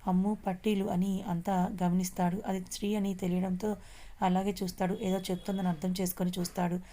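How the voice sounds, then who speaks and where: A woman narrating an audio story in a steady, even reading manner. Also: fairly low pitch, slight background noise.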